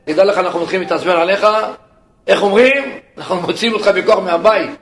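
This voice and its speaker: A man voicing stingy householders who scold in raised, higher-pitched shouts. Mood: indignant. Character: indignant stingy householders, grown men. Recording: echoey room, faint rumble.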